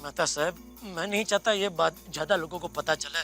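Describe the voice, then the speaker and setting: An actor playing an anxious middle-aged businessman in a TV sitcom, excitable and flustered, always pleading or hushing. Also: fairly high pitch, fairly quick, soft background music. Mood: nervous. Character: jumpy, anxious middle-aged shopkeeper, comically secretive. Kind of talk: TV sitcom acting.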